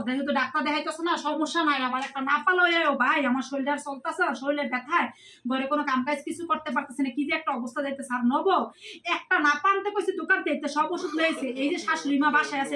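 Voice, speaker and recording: A woman's voice: sits high, steady tone, rapid-fire, pushed and bright. A woman vlogger performing in a comedy skit, speaking with a complaining, pleading manner. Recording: roomy, voice from a distance.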